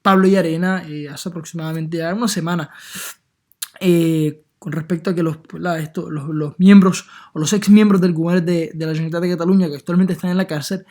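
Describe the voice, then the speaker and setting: A man's voice: a little high, fairly even intonation, brisk, a little mellow. A man from Puerto Rico with a Puerto Rican Spanish accent, giving an earnest opinion monologue full of hesitations and filler sounds. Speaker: political commentator.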